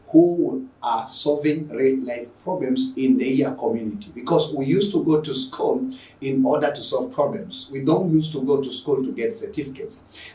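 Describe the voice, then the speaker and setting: A Tanzanian man who teaches secondary school mathematics online introduces a lesson to his viewers. His medium-pitched voice has a darkish tone and sounds distant and echoey, recorded in a reverberant room with the microphone far away.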